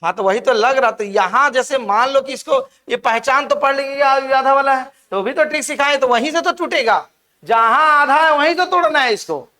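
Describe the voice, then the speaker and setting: A man's voice: very high-pitched, normal speed, sharp tone. A man teaching grammar in a classroom-style lecture, explaining step by step and constantly asking the students questions.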